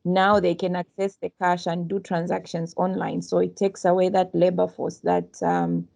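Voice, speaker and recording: Brief: woman from Zambia, seminar questioner on a video call, gravelly low voice, mellow tone, polite and measured. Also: lively intonation, low-quality recording. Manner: polite, measured, elaborating at length. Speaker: audience member asking a question.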